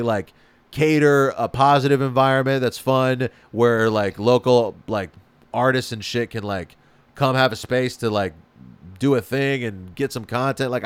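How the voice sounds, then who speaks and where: Casting: young adult male podcast host from Spain, mid-pitch, dry close mic, loose and animated. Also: clear, resonant tone, dry recording. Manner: animated, swears freely, trails off mid-thought. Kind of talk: casual podcast chat.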